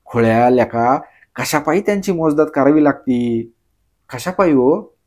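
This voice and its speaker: Man reads an elderly village headman, sharp and loud, storybook telling. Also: medium pitch, lively intonation, close to an everyday voice. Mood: mocking. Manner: loud rustic scolding, drawn-out rebukes. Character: shrewd elderly male village headman, scolding.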